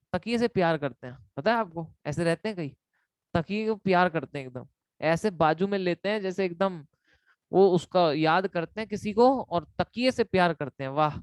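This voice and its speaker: A man's voice: high-pitched, clean tone, no room sound. A man teaching an online exam-prep class as a quiz, playful and teasing, repeating each point and mixing in English. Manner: mixes Hindi and English. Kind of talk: live online lecture quiz.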